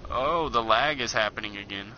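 A man's voice: lowish voice, normal speed. A young man chatting casually and joking while playing an online game with friends. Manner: joking, rambling, playful. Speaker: gamer streaming with friends. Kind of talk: casual gameplay chat. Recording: dull lo-fi game capture with loud background noise.

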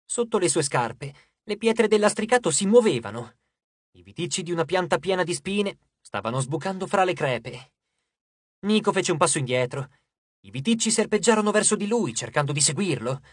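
Guy reading an audiobook, fairly high voice, really dry close sound, lively storytelling. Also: normal speed, husky, dry recording. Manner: expressive storytelling. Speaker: audiobook narrator. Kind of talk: scripted audiobook narration.

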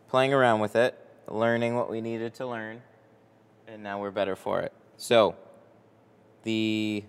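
An American man in his early thirties hosts a livestream from a big garage workshop that has a boat in it, chatting casually with viewers about his window tinting work. His fairly low, clear, resonant voice comes out halting and relaxed as he thinks aloud. A close boom-arm mic captures him, and the room adds a long, hall-like reverb.

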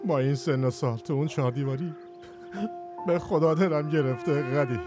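A man's voice: on the high side, music in the background, natural voice. A man dubbing an emotional older uncle in a drama series. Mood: tender. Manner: emotional, tearful on the phone. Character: aging, soft-hearted uncle, grumbling at his wife. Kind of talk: Persian dub of a drama series.

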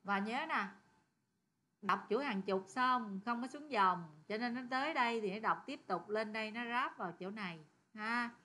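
A woman explains code step by step, with a bright, clear tone pitched a little high. She talks in a chatty way and keeps turning to her students with questions. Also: animated, moderate pace. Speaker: programming teacher. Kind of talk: screen-recorded coding lesson.

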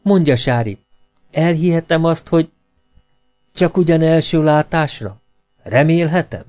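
A man's voice: on the high side, animated, darkish tone, faint music behind, voice pushed up, close to an everyday voice. A man voicing a shy, smitten young writer who speaks hesitantly and eagerly in an audiobook.

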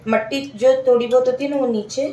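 A woman's voice: high-pitched, fairly even intonation, brisk, dark tone. A woman, casually narrating a home cooking vlog and explaining each step to her viewers. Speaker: home cook vlogger. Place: home kitchen. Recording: echoey kitchen, mic far off.

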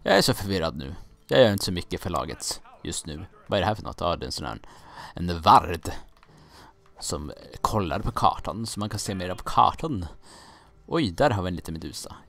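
A man's voice: sits low, very animated, gravelly, fairly bright tone. A young man from Sweden casually commenting on his own gameplay, rambling, joking and getting confused, with some mild swearing. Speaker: gaming let's-player.

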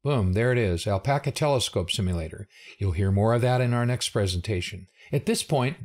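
A man's voice: lowish voice, expressive, brisk, darkish tone. An older man presents a technical briefing in an explanatory, plain-spoken way, with informal asides. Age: older, 60s or above. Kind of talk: explanatory slide presentation narration.

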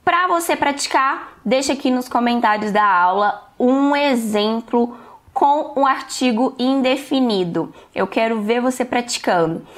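A woman teaching an online English lesson, explaining step by step and often checking in with "ok?". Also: fairly high pitch.

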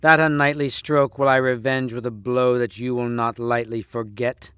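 A man's voice: medium pitch, steady tone, moderate pace, smooth, no echo, studio quality, close to an everyday voice. A man voicing a bold, fearless young knight who talks in a raised, eager voice. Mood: defiant. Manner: raised, eager, shouting taunts.

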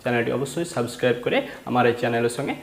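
A man's voice: medium pitch, very fast. A man teaching a reading lesson, patiently spelling words out letter by letter and then blending them. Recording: echoey room.

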